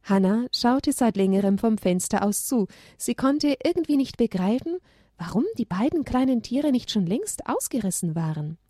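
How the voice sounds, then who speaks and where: A woman's voice: fairly high pitch, lively intonation, normal speed, mellow, dry recording, clean studio sound. Woman reading a children's story aloud. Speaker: narrator.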